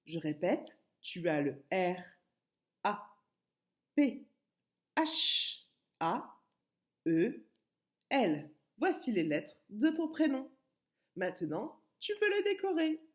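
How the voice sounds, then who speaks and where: A woman teacher speaking to young children, spelling out letters slowly and clearly with lively rises in her voice. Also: mid-range voice. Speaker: preschool teacher.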